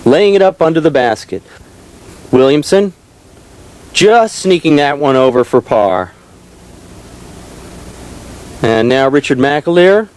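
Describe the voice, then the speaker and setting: A man giving golf-style play-by-play commentary, describing each shot in a measured, descriptive way. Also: fairly high pitch, animated, a little mellow, rough recording. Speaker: disc golf tournament commentator.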